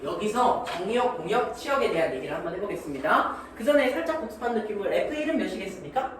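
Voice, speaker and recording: A man's voice: high-pitched, fast. Man, math lecture, playful slangy delivery, echoey classroom, distant mic, noisy background. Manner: animated, joking, acts out little scenes; slangy, keeps checking understanding. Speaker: math teacher. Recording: echoey room from far off, noisy.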